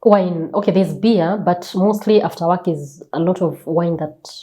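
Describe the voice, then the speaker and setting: A Kenyan guest author with a lower, mellow voice speaks at a measured pace in a conversational interview. Her animated storytelling is emphatic, with repeated phrases and rhetorical questions.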